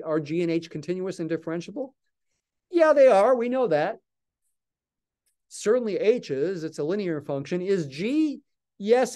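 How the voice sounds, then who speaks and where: Older man lecturing calculus, mellow and smooth. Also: high voice. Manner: patient, thinking aloud while writing. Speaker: math lecturer.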